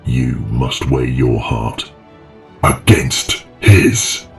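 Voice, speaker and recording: A man voicing an imposing undead elven knight in a fantasy story, with a slow, solemn, ghostly, unearthly delivery. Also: extremely low pitch, expressive, soft background music, voice pushed down, heavily acted. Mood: grave, menacing. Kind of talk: fantasy game recap story.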